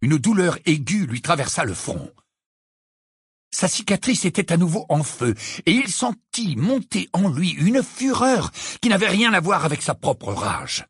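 Lively, expressive audiobook narrator. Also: medium pitch, measured pace, slightly rough, no room sound, clean studio sound.

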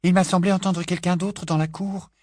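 A man reading an audiobook, voicing an anxious teenage girl who speaks softly. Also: on the low side, steady tone, moderate pace, no echo, studio quality, pitched above the performer's own voice, natural voice. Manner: soft, relieved.

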